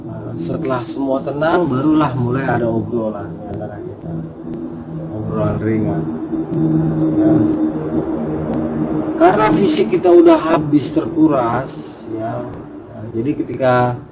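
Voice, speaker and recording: A man's voice: mid-range voice, very animated, a little slow, pauses often. A man telling a hiking story in a casual, emotional and earnest way. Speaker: storyteller recounting a hiking experience. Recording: noisy background ambience.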